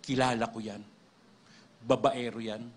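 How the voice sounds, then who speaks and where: A man voicing a hostile demon that speaks through a possessed man, with a big booming voice and a spiteful, mocking manner. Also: level tone, unhurried, natural voice. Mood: sneering.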